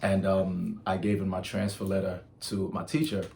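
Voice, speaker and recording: A man's voice: sits low, flat delivery, moderate pace, creaky, a little mellow. A man from Nigeria, hosting his own channel and telling stories in a casual, chatty way full of ums. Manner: chatty and storytelling, with filler ums and restarts. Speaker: channel host. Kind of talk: casual vlog monologue.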